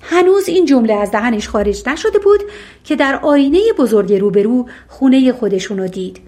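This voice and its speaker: A woman narrating a fairy tale audiobook in a calm, even storytelling manner. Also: a little high.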